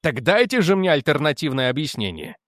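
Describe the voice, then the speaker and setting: A man's voice: big pitch swings, a little fast, a bit bright, dry recording, studio quality. A man reading aloud as a firm, persistent male investigator who presses his argument. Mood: insistent. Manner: firm, pressing, lowered in pitch.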